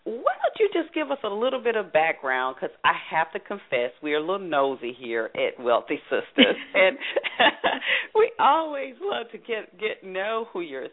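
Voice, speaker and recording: Heard through a narrow-band phone line, a woman host runs an interview show in a medium-pitched, sing-song voice at normal speed. Her talk is chatty and full of fillers.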